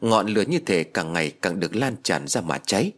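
A man reading a horror story aloud in an expressive narrating style. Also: low-pitched, a little fast. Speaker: story reader.

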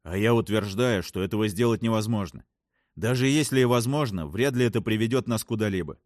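Man voicing a male ship officer, serious, measured, stern, dry sound. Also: fairly low pitch, a little mellow, no room sound, close to an everyday voice. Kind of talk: audiobook reading.

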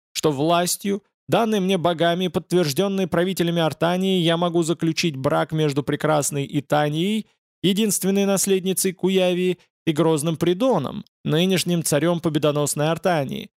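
A man voicing a great male sorcerer-priest, with a slow, ceremonial proclamation. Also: a little high, a little mellow, dry recording, clean studio sound, lightly acted. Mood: solemn.

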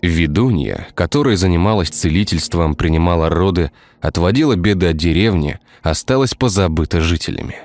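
Deep-voiced male storyteller. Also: lively intonation, fairly quick, hardly any pauses, a little mellow. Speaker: narrator. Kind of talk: scripted story narration. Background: faint music.

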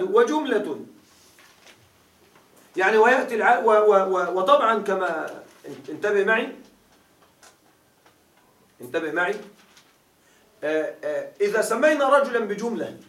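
A man's voice: high-pitched, a bit bright. A man teaching a grammar class, quizzing his students with repeated questions as he explains. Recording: echoey room, mic far off.

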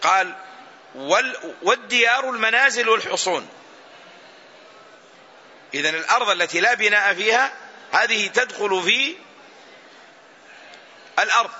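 A man, an Islamic scholar, giving a recorded lesson on Quran exegesis and explaining each word slowly with repeated phrases. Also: sits high, lively intonation, sharp tone, husky. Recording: dull lo-fi recording.

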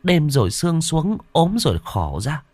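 A man voicing an elderly village wife who frets and scolds her husband in a high, shrill voice. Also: very animated, darkish tone, slightly rough, no room sound. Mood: dismissive nagging. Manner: shrill, nagging, rapid scolding.

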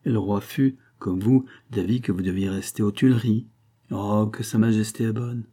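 A man's voice: lowish voice, fairly even intonation, moderate pace, dark tone, close to an everyday voice. A man reading an audiobook and voicing a proud, bitter young countess with a raised, tense delivery and touches of irony.

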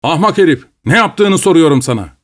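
A man doing a shouting, hot-tempered steward. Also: a little high, measured pace, voice pushed up. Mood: furious. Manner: shouting, scolding. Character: hot-tempered Polish male estate steward.

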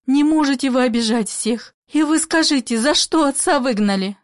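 A woman's voice: high voice, moderate pace, dry recording, studio quality, voice pushed up, natural voice. A woman voicing a defiant young woman who speaks out in indignant outbursts, in a play reading.

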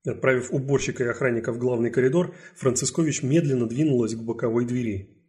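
A man narrating an audiobook thriller in a steady, even storytelling manner. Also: medium pitch, quick pace. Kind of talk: scripted narration.

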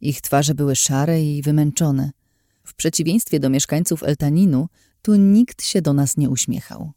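A woman reads a first-person fantasy story aloud. Her tone is mellow and soft, and the recording is dry and close. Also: low-pitched, unhurried, dry recording. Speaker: audiobook narrator. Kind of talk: audiobook narration of a fantasy novel.

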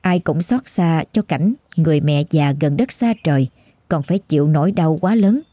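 Woman reading a ghost story, measured and somber, low voice, dry close sound. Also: warm tone, no echo. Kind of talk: scripted ghost story narration. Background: faint music.

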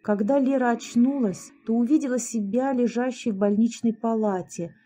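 A woman narrating a dramatic story in a calm, measured audiobook reading. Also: fairly high pitch, soft background music. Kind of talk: scripted narration.

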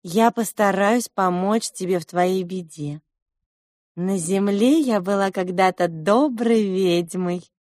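A woman voicing a gentle, kind queen who was once a good witch, speaking quietly and caringly. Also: medium pitch, slow pace, no echo, clean studio sound, natural voice.

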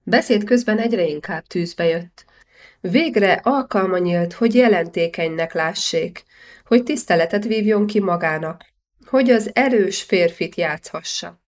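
A woman reads a historical novel aloud as an audiobook narrator. Her voice sits somewhat low, and her delivery is measured and even. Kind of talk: scripted literary narration.

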